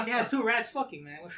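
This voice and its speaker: A man co-hosting a casual podcast, relaxed, telling stories that trail off softly. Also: high voice. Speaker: podcast co-host. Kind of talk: casual chat. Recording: distant mic with faint noise and room ambience.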